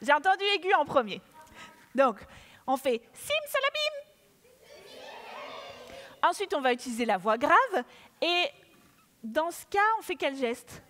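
A woman hosts a children's award ceremony from the stage of a large auditorium. Her voice is high and lively, and she plays with the crowd and coaxes them to join in. The hall rings with reverb around her. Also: normal speed, long pauses, a little hiss or hum. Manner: animated, playful, coaxes the audience. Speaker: ceremony host. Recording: echoey hall with audience.

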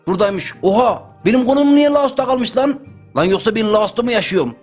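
A young man giving loud, joking, exclamatory commentary while playing a mobile game. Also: very high voice, animated, fairly quick, soft background music. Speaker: gaming YouTuber. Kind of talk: excited gameplay commentary.

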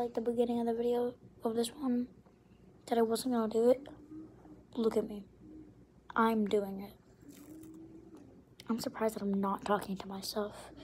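A woman's voice: on the high side, darkish tone, slight background noise. A teenage girl or young woman vlogging to camera in a whiny, dramatic way, sometimes dropping to a whisper. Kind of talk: casual vlog talk to camera.

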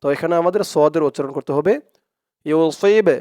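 A man teaching Quran reading, chanting words slowly and drawn out, then explaining quickly in between. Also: high-pitched, darkish tone, clear, resonant tone. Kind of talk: slow recitation drills with quick explanations.

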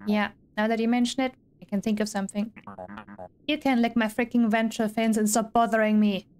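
A woman's voice: on the high side, flat delivery, fairly quick, a little mellow, clear, resonant tone, faint music behind, close to an everyday voice. A woman reading the lines of a rude, dismissive male shark thug from a game. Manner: dismissive, taunting. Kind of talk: reading game dialogue aloud.

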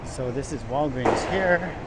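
In no hurry, a medium-pitched male vlogger walks downtown and rambles through a casual tour, often saying things twice in different words. Street noise and traffic come through clearly on his handheld camera.

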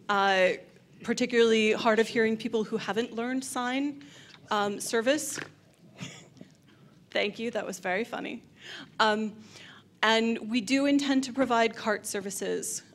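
This convention presenter is an upbeat, eager woman with a slightly high voice, giving a panel presentation on a handheld mic in a big hotel function room. A little hiss or hum sits under the recording.

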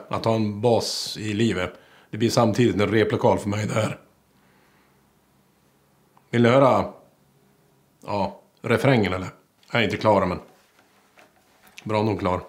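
Speaking in a fairly low, natural voice with a small-town Swedish accent, a man plays a boastful, petty wannabe rock singer and aspiring songwriter. In this mockumentary comedy monologue to camera, he rambles and swears constantly.

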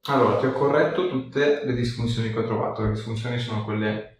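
During a hands-on exam in an indoor treatment room, a male chiropractor keeps a steady tone and quick pace at medium pitch. He gives the patient short, reassuring instructions and asks brief questions. A distant mic picks this up amid strong echo and faint noise.

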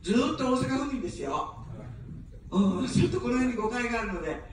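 Brisk and a little high, with lively intonation, a woman candidate gives an evening campaign speech outdoors. Her standard Japanese has no accent, and she shifts from jokes to earnest appeals for votes. A very echoey, distant street PA adds a little hiss or hum.

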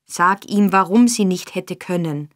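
A woman voicing a frantic, furious old male fence in an audiobook, with shrill, pleading shouts. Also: measured pace, no echo, studio quality, lightly acted.

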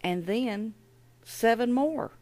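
A woman reading a children's picture book aloud at an elementary school, with an expressive, animated delivery. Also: on the high side, takes it slowly.

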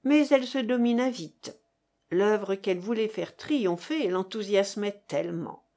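A woman narrates an audiobook at an unhurried pace, her reading measured and expressive. Her pitch rises and falls widely from phrase to phrase while staying in a middle register. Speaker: audiobook reader. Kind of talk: scripted narration.

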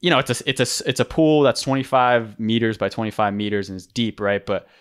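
A man's voice: fairly low pitch, fairly even intonation, brisk, smooth. A young man telling a story in a casual podcast chat, rambling with lots of fillers and restarts. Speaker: podcast host.

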